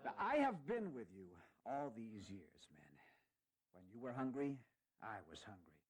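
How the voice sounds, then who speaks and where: An aging general with lively, swooping pitch. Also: male voice, slightly rough, exaggerated voice. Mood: earnest, heartfelt. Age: older. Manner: deliberate, halting, stirring. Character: dignified, aging general, earnest and fatherly. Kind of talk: historical audio drama oratory.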